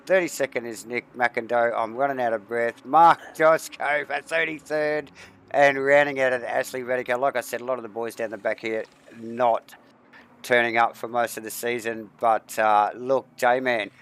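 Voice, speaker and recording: A man hosting a sim racing broadcast, chatting casually and reading through long lists of standings. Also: mid-range voice. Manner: rambling, reads long lists of names. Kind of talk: casual commentary chat.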